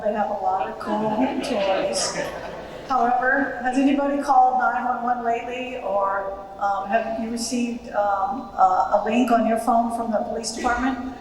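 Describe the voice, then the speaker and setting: American woman presenting in a very echoey hall. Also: on the high side. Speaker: police official presenting. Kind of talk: public presentation with audience questions. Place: large reverberant event room. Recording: very echoey hall, distant, faint noise.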